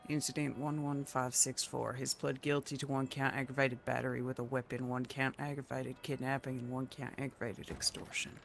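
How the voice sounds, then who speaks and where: A man's voice: medium pitch, little pitch movement, fairly quick, gravelly, few pauses, noisy background. A man playing a prosecutor in a role-play courtroom, formally reading out long lists of charges.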